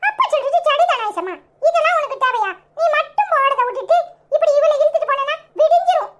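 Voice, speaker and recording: A woman voicing a sharp-tongued young daughter in a cartoon, teasing and scolding with a Tirunelveli accent. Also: very high voice, expressive, quick pace, noisy background, pitched above the performer's own voice. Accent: Tirunelveli Tamil.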